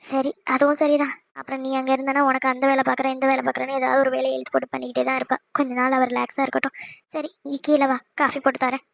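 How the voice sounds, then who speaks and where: A woman's voice: high voice, level tone, fast, gravelly. A woman voicing a worried, talkative middle-aged mother in a cartoon, scolding and dramatic. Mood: calm. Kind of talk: cartoon voice acting.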